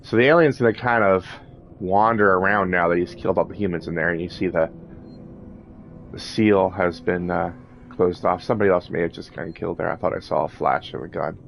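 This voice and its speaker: A man's voice: low-pitched, fairly even intonation, brisk, gravelly, fairly bright tone, slight background noise. A man giving casual video game commentary, thinking aloud in a hesitant way. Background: game music and sound.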